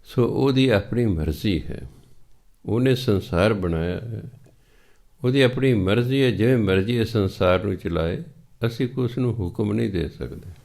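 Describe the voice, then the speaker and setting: A man with a Punjabi accent giving a scripture sermon, reciting verses slowly and then explaining them patiently in plain talk. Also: on the low side, creaky, a little mellow. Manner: patient, teacherly, repeats points.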